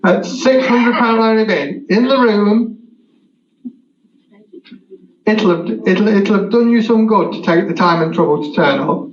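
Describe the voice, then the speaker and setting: A man with a British accent working as an auctioneer, calling bids in a repetitive rolling chant with drawn-out figures and bantering asides. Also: high-pitched. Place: indoor auction room. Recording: roomy, dull, noisy saleroom sound.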